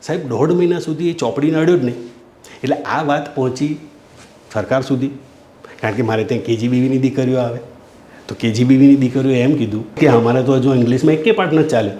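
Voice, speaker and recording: A man's voice: mid-range voice, fairly quick, mellow. A middle-aged man, a school principal, telling heartfelt stories from his school in an earnest, emotional way in an interview. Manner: earnest, emotional, keeps addressing the listener as sir. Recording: roomy echo.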